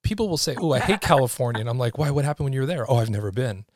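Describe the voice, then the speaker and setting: Talking very fast in a mid-range voice, this American man in his forties hosts a podcast with casual, animated energy. He quotes other people by acting them out in lively voices. The sound is clean, dry, and studio-grade.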